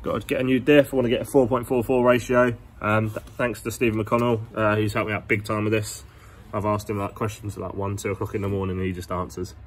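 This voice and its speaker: Moving through a big indoor garage workshop, a twenty-something car vlogger chats casually into a phone held at arm's length. His voice is on the low side, his delivery flat and quick, and his talk rambling and slangy. A little hiss or hum can be heard.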